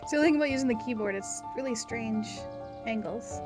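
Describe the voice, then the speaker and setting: Woman let's-play streamer, casual chatter and reactions over a loud game score. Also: a little high, a little fast. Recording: loud game music behind.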